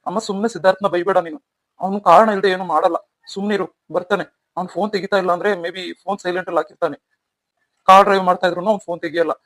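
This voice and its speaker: Actor voicing a calm cartoon young man, reasoning tone, quick, dry. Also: medium pitch, no room sound, close to an everyday voice. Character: steady young husband and son, calm. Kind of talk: cartoon story voice acting.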